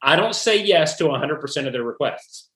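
Bright-voiced man explaining scripture, preacher-like. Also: fairly high pitch, expressive, a little fast. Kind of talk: casual faith discussion. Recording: roomy echo.

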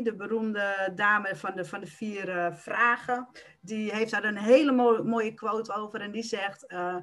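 Woman coach with a higher voice. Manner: acts out inner self-talk in quick bursts. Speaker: self-confidence coach. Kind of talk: podcast interview.

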